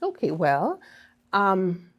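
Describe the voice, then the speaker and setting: A woman's voice: medium pitch, huge pitch swings, very slow. A woman from Saint Vincent and the Grenadines with a Vincentian accent, explaining things in an interview in an emphatic, teacherly way with frequent checking tags. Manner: teacherly, emphatic, often checks with "okay?" and "right?". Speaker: ambassador being interviewed.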